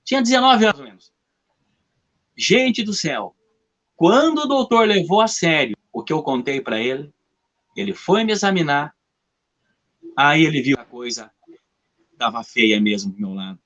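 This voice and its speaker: A man's voice: big pitch swings, moderate pace, pauses often, a bit bright, highs cut off. A man giving a fervent, repetitive testimony as a guest in a live interview. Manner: fervent, repetitive storytelling with dramatic pitch swings.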